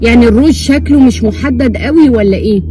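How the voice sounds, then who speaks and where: Quick mellow-voiced Egyptian woman. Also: a little high, faint music behind. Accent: Egyptian Arabic. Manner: playful, mock-offended. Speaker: vlogger, wife. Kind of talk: prank vlog banter. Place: inside a car.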